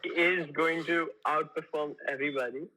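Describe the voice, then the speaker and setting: A young racing driver from Mumbai, jokey and playful on a podcast video call. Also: male voice, on the high side, fairly even intonation, normal speed, background noise. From Mumbai, India.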